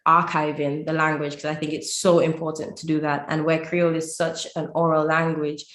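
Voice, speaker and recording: A woman's voice: low-pitched, little pitch movement, a little fast, fairly bright tone. A woman from Lucia, answering conversationally as an interview guest who teaches language. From Saint Lucia. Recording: roomy, echoey sound.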